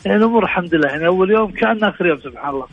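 Fast-talking Saudi caller, husky. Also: male voice, high-pitched, animated, lo-fi sound, faint music behind. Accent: Saudi Arabian.

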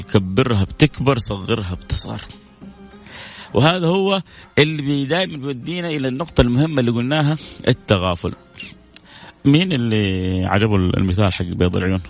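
A man hosting a radio advice show, talking in a playful, animated way. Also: mid-range voice, gravelly. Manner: animated, playful, acts out both sides of an argument. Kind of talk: casual advice talk.

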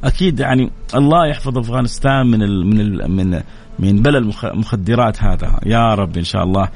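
Brief: male host, rapid delivery, gravelly texture, reads messages and gives blessings. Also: lowish voice. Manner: warm blessings and advice, quick and lively. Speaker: host reading viewer messages. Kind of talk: casual live-stream chat.

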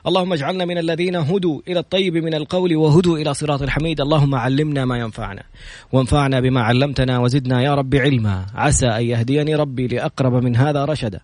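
A male podcast host talks at a quick clip, chatty and lively. His voice sits at an ordinary pitch. The sound is close and dry, with no room echo. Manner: opens with recited prayers, then brisk storytelling; lively and chatty, jokes with the guest. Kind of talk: casual talk show introducing a guest.

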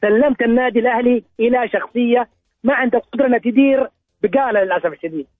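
High, fast-talking man over the phone. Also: no room sound. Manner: stumbling restarts, repeats words while arguing. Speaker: radio call-in caller. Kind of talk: call-in sports debate. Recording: tinny phone line, dry.

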